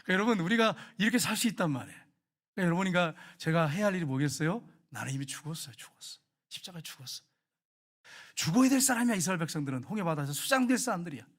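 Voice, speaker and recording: Slightly high-voiced storytelling pastor. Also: male voice, rapid-fire. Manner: lively storytelling, acting out everyday scenes; colloquial, talks directly to the congregation. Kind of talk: sermon.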